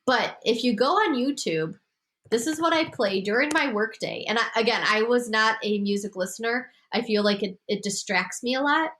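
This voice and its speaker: With a fairly high, somewhat bright voice at normal speed, this woman sounds congested as she offers a group emphatic, casual writing tips. She's a podcast host and writing coach who laughs a lot.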